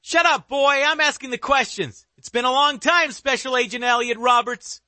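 A man's voice: extremely high pitch, moderate pace, sharp tone, no echo, pitched above the performer's own voice, full character voice. A man voicing a menacing male killer who taunts his victims from the darkness, his voice raised well above his own. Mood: gloating. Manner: gloating, taunting.

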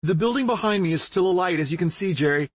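A man voicing a frazzled female TV news reporter in brisk on-air delivery. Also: sits high, animated, husky, no room sound, voice pushed up. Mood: urgent. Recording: dull lo-fi recording.

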